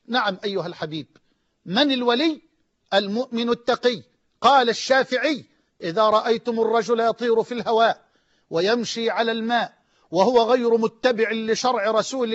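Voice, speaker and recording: A man with an Egyptian accent preaching an emotional sermon, swinging from near-shouts to low, hushed lines. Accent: Egyptian Arabic. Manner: impassioned, rising to near-shouts and dropping low. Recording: dull lo-fi audio.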